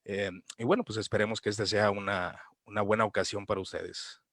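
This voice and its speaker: A man speaking as a panelist, giving a relaxed, conversational presentation over a video call. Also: fairly low pitch, a little fast, no echo, studio quality. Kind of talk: casual presentation.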